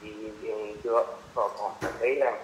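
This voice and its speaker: A man calling in, speaking hesitantly with many pauses and fillers. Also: medium pitch, steady tone. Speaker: caller. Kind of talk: casual phone call. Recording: roomy echo, faint noise.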